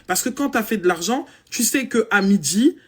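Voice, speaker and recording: A woman speaks in a low voice. She talks bluntly to her listeners and mocks what they do. Her casual monologue slips into English phrases now and then. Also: animated, moderate pace. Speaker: women's coach.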